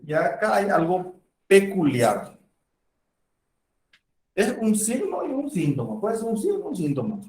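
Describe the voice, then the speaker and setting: A man gives a conversational medical lecture to a class, acting out short exchanges between doctor and patient. His high voice swoops wildly in pitch, darkish, unhurried and full of pauses, recorded far from the mic in an echoey room.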